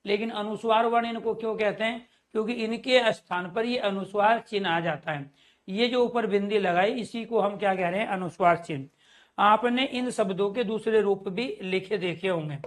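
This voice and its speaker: A man's voice: high-pitched, normal speed. Male grammar teacher, online class. Question-and-answer delivery, friendly direct address to students. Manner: asks the class questions and answers them himself; addresses viewers as dear friends.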